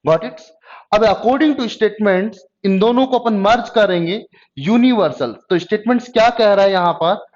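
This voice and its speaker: A male tutor giving an exam-prep lecture in Hindi with English phrases, dictating slowly and often checking whether students have understood. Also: high-pitched, a little mellow. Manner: slow, drawn-out dictation of English phrases, frequent "got it?" checks. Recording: dull lo-fi lecture audio.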